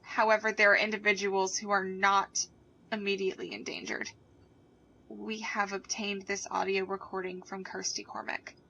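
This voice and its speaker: An actress voicing a female radio news anchor reading emergency bulletins in a measured newsreader style. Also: medium pitch, little pitch movement, gravelly, muffled recording. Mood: grave. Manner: measured newsreader delivery, softening into gentle pleas. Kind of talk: scripted news broadcast in a game.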